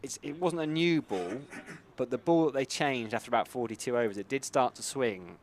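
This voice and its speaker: A man's voice: mid-range voice, normal speed, a little hiss or hum. A man giving conversational live cricket commentary, thinking aloud as he discusses play and tactics.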